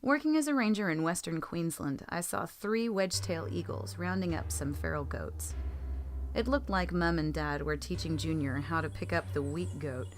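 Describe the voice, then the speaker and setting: Reading creepy first-person stories aloud in a scripted storytelling style, a woman narrates in a lowish voice at a normal pace. Soft music plays behind her, and the recording has a clearly noisy background.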